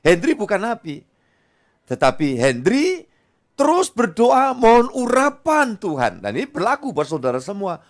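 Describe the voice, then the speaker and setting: Animated pastor preaching. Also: male voice, high voice, unhurried. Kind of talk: sermon.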